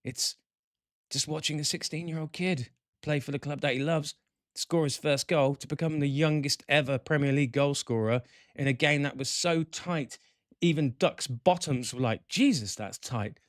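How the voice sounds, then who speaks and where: A man hosting a chat show, excitable and talkative. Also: fairly high pitch, moderate pace, no echo, clean studio sound. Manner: excitable, chatty, animated. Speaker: podcast host.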